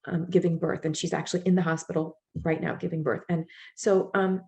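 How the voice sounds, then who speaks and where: At a virtual library event, a Midwestern-accented writer originally from northeast Ohio chats informally before reading her stories aloud, stumbling into occasional fillers and restarts. She has a warm, fairly low voice with a flat delivery and a fairly quick pace.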